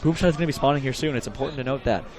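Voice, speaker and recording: Give me a fast-talking young male game commentator who gets loud and excited on big plays. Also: medium pitch. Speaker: esports commentator. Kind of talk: live play-by-play commentary.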